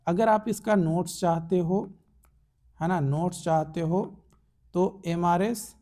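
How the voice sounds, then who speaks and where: A young Indian-accented man explains English rules slowly in an online exam-prep lesson, mixing Hindi and English as he goes through each one. His voice sits high, with a steady, mellow tone.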